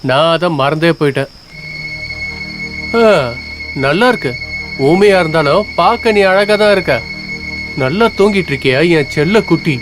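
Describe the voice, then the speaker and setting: An actor plays a greedy young schemer in a film, sneering and menacing, with a fairly high voice. A film score plays loudly behind him. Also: male voice, expressive, moderate pace, long pauses, natural voice. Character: scheming greedy young man after a fortune. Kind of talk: Tamil film dialogue. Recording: film soundtrack with music.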